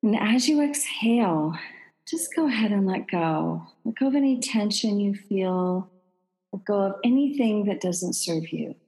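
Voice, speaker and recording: A woman podcast host leading a guided breathing meditation in a calm, soothing, meditative tone. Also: mid-range voice, unhurried, big-room sound, poor audio.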